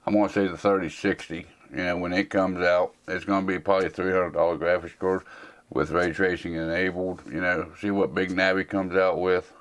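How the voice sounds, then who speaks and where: A man in his 40s from the United States hosts a casual Q&A, answering viewer questions in a rambling, folksy, plain-spoken way full of fillers. His voice sits low, and his delivery is flat and a little fast.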